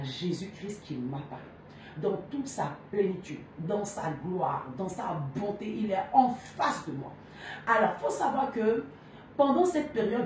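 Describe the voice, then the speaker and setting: A woman's voice: medium pitch, a little mellow. A woman giving an earnest, emotional personal testimony with intense, heartfelt delivery. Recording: very echoey, from far off, faint noise.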